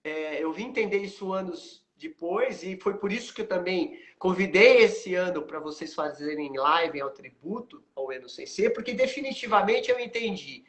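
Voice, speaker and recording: A man's voice: high voice, animated, normal speed, hardly any pauses, fairly bright tone. A Brazilian man in his fifties with a Brazilian Portuguese accent, hosting a live stream and telling stories animatedly, acting out the dialogue with frequent tag questions. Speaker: host, aikido teacher.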